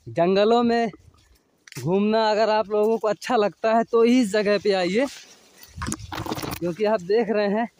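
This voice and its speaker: A guy in his 30s vlogs his travels outdoors, hiking through a village and forest trail and chatting with viewers. His pretty high voice has a darkish tone, and the handheld phone at arm's length picks up a little hiss or hum.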